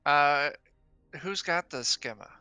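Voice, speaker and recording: Very bright, higher-voiced man playing a tabletop game. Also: slow pace, smooth, faint music behind. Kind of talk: casual game chat.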